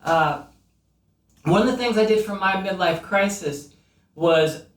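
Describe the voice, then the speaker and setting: High-voiced profane comedian in an echoey room. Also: male voice, unhurried, distant mic. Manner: profane, rambling, mock-earnest rants. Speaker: comedian host. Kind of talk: comedic monologue.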